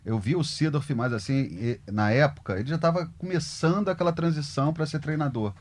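A man talking football in an animated, emphatic, colloquial way as a sports journalist. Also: fairly high pitch, fairly quick. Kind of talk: casual sports discussion.

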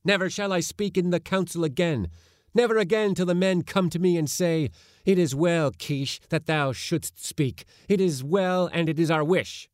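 A man voices a proud, defiant boy declaiming before a council in formal, old-fashioned speech, pitching his natural voice above its usual register. He sounds a little high at a moderate pace, recorded clean in the studio with no room sound.

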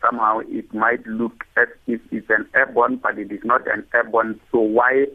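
A man calling in over the phone to a radio show, asking his question in a hurried, halting way with fillers. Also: fairly low pitch, little pitch movement. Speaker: radio call-in caller. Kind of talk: casual call-in question. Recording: tinny phone line.

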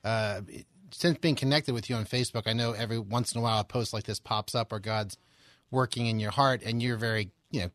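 A man's voice: on the low side, steady tone, fairly quick, fairly bright tone, no room sound. Dry-sounding male radio host. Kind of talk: interview on religious radio.

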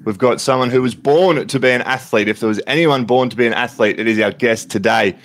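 A man's voice: mid-range voice, brisk. An Australian man hosting a podcast interview from home, friendly and chatty, a bit throaty with covid. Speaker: podcast host.

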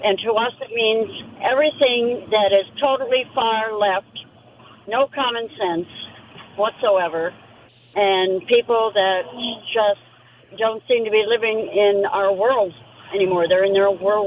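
A woman's voice: mid-range voice, fairly even intonation, unhurried. Middle-aged female caller, driving, on a thin phone line; firm, plainspoken. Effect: phone call from a car while driving. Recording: tinny phone line with faint road noise.

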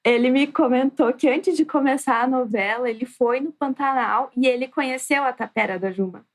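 A woman with a soft, near-whispering voice, chatting casually as a guest. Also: sits high, moderate pace. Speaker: guest, architect. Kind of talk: casual chat.

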